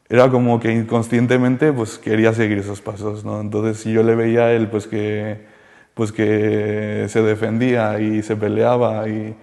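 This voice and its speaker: Halting, low-voiced man. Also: big-room sound. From Colombia. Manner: halting and soft-spoken, circling back with many restarts. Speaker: interviewee sharing a rehabilitation testimony. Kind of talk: personal testimony interview.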